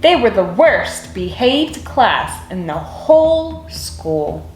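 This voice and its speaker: A woman reading a children's picture book aloud with expressive storytelling. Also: medium pitch, slow pace, echoey room, soft background music.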